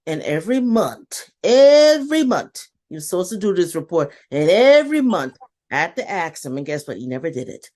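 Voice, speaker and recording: A woman in a casual interview conversation, telling a personal story in an animated, blunt, motivational way and quoting her own self-talk. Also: low voice, a little fast. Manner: animated storyteller, talks to herself in quotes.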